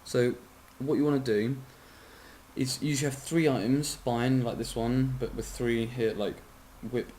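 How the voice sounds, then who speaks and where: A man's voice: medium pitch, steady tone, normal speed, darkish tone, slight background noise. A man giving a casual, rambling game tutorial, sleepy and yawning, often apologizing, correcting himself and swearing.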